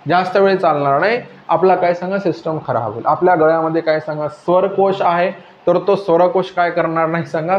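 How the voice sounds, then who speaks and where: A man's voice: high-pitched, slight background noise. A male teacher giving a classroom grammar lecture, constantly asking the class questions and prompting them to answer. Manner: drilling questions, repeatedly prompting "tell me". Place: classroom with a board. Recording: echoey, dull lo-fi classroom recording.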